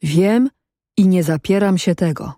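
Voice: medium pitch, unhurried, warm tone, dry recording, clean studio sound, lightly acted. A reader doing a stubborn, curt man of few words. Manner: terse, blunt replies.

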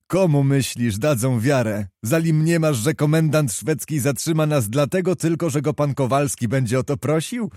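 A man's voice: on the high side, moderate pace, hardly any pauses, darkish tone, no echo, close to an everyday voice. Grave sardonic officer, cool delivery, by a male narrator. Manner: grave, dry mockery. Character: grave, mocking male officer, calm and cold.

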